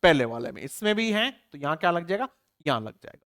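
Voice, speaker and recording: A male English teacher leads an online exam-prep lesson. He keeps firing questions at his students and answering them himself. He spells words out slowly, letter by letter, and often checks that everyone has understood. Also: fairly high pitch, big pitch swings, fairly bright tone.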